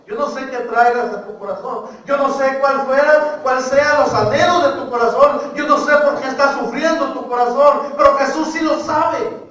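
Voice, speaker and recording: A man's voice: very high voice, fairly even intonation, moderate pace, a bit bright. A man with a Mexican Spanish accent preaching a fervent sermon in a church, repeatedly calling the listeners brothers. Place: church hall. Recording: echoey church hall, mic far off.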